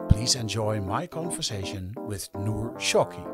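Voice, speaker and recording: A man's voice: on the low side, lively intonation, unhurried, loud music behind the voice. A man hosting a podcast, asking questions in a friendly, hesitant way with many fillers. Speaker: podcast host. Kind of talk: podcast interview.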